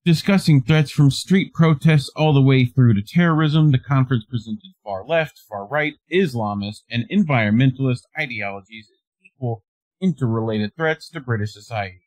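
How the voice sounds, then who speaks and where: A man's voice: medium pitch, normal speed, a little mellow, no room sound, rough recording. A male co-host reading news articles aloud and breaking off with laughs and wry comments.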